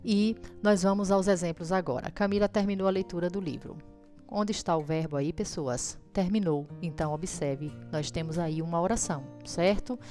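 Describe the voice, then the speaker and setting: A woman's voice: lowish voice, moderate pace, warm tone, faint music behind. A Brazilian woman teacher giving a recorded grammar lesson, explaining and checking in with her students through frequent tag questions. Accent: Brazilian Portuguese.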